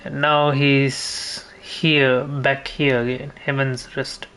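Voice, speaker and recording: Speaking slowly in a medium-pitched, fairly bright voice with little pitch movement, a male streamer gives casual gameplay commentary. He rambles and thinks out loud while faint game sounds play behind him.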